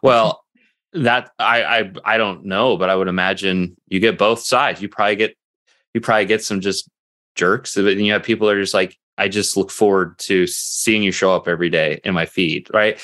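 A man hosting a conversational interview, talking in a reflective, energetic way and often rephrasing himself. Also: low voice, normal speed. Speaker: podcast host.

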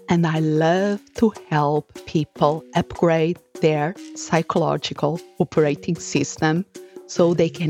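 A native Portuguese speaker with a Portuguese accent, who hosts a podcast and works as a life coach, tells her own story earnestly and reflectively. Her voice is low with a darkish tone.

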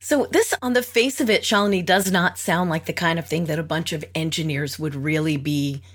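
A woman's voice: low voice, normal speed. A woman hosting a leadership podcast who asks her guest thoughtful, probing questions. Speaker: podcast host. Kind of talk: interview questions.

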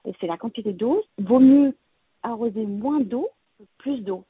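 An interior plant decorator invited as an expert, a Vietnamese-heritage woman based in France, shares tips on caring for plants, hesitating, restarting, and using lots of fillers. Her voice is on the high side and breathy-edged, at normal speed, in a dry, narrow, phone-like recording.

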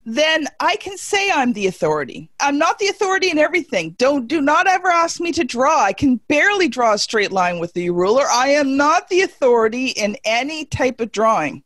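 A woman's voice: sits high, sing-song, fairly quick, hardly any pauses, fairly bright tone, no echo. A woman in her forties talking on a video call in a casual panel chat, emphatic, folksy and self-deprecating. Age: 40s.

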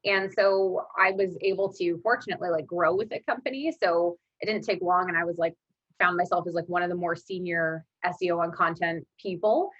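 A woman's voice: on the low side, brisk, a bit bright, breathy edge, no echo. A woman speaking as a podcast guest in an informal, conversational way, in a casual interview chat with muffled audio. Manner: informal, conversational, frequent 'like' as filler. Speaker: podcast guest, marketing leader.

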